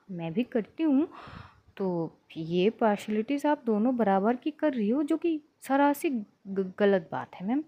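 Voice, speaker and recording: A woman's voice: on the high side, muffled recording. A woman voicing Janvi, a clingy, teasing young woman student, bantering playfully with her best friend in a spoken love story. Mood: cheeky.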